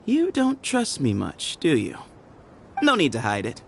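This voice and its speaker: A man's voice: a little high, huge pitch swings, vocal fry, a bit bright, slight background noise, exaggerated voice. An actor playing a sly, teasing young man who leads a secret group in a game, speaking in a playful, mocking way. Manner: playful, mocking, unhurried drawl. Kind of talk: game cutscene voice acting.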